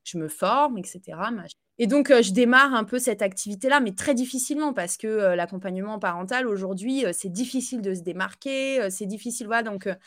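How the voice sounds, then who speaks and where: Chatty French-speaking woman, halting. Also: mid-range voice, a bit bright. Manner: chatty, halting, with many fillers and restarts; laughs easily. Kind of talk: casual conversational interview.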